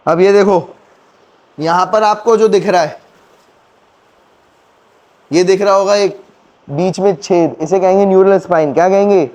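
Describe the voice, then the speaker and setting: A man's voice: high voice, measured pace, long pauses, darkish tone. A male teacher giving a classroom anatomy lecture, quizzing students and counting bones aloud. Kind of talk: classroom lecture with call-and-response questions.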